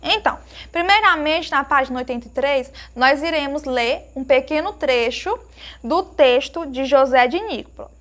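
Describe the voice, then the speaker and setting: A woman teacher giving a lesson to young children, asking them questions and slowly sounding out each word she explains. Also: high voice. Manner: slow emphatic sounding-out of words; warm diminutives, asks pupils questions.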